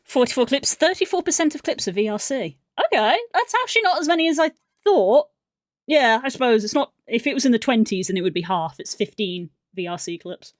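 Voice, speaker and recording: A woman's voice: on the high side, lively intonation, brisk, no echo, studio quality. A woman streamer thinking aloud in a loose, casual way as she sorts and edits clips. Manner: muttering and thinking aloud to herself. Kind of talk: casual commentary while editing clips.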